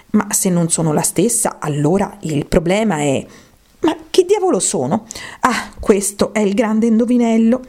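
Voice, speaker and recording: A woman's voice: dark tone, natural voice. A woman voicing a worried, curious little girl who frets and exclaims to herself. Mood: puzzled. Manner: fretful, exclaiming, pitch jumping up.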